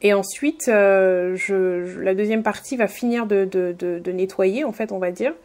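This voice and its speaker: A woman's voice: medium pitch, fairly even intonation, moderate pace, darkish tone. A woman giving a casual beauty tutorial voice-over, friendly and hesitant, with many fillers and restarts. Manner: friendly, addresses viewers directly. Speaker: beauty vlogger.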